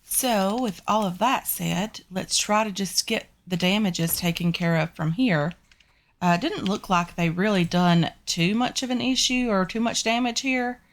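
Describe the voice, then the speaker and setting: Her voice stuffy and congested from a sinus infection, a Southern-accented woman who hosts a gaming channel walks viewers through a survival game. The commentary is loose and chatty, dotted with ums and addresses to "guys." She talks at an unhurried pace, medium in pitch.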